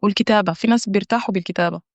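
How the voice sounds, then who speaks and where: A woman's voice: mid-range voice, rapid-fire, dry recording. A woman talking in a casual conversation, encouraging, frequent restarts and hesitations. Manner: warm encouraging talk, with many restarts and hesitations. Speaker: wellness guest. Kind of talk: casual conversation in Arabic with English phrases. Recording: dull dry audio.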